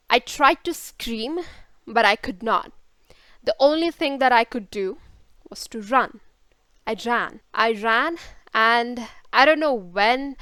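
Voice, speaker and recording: A woman with a high, smooth voice tells a personal story in a storytime vlog, taking her time over each phrase. She speaks dramatically and repeats words for effect. Her voice is close and dry. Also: bright, forceful tone, no echo.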